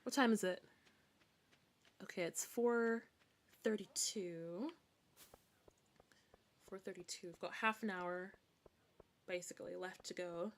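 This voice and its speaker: A woman streamer from Scotland, with a mixed American and British Scottish accent, chats casually on a gaming livestream. She rambles hesitantly, often circling back to repeat phrases, speaking slowly with frequent pauses. Her voice is fairly low with fairly even intonation.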